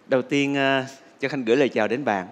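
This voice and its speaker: A man's voice: medium pitch, steady tone, fast, long reverb tail. A man hosting a TV singing show in an upbeat, formal announcer style. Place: TV studio with audience. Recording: studio with music and crowd behind.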